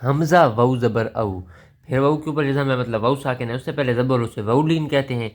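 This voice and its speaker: A Quran recitation teacher, a man with a Pakistani Urdu accent, gives a tajweed lesson. He talks in an ordinary middle pitch, patiently naming each letter and its vowel mark. Then he chants the words of the verse slowly.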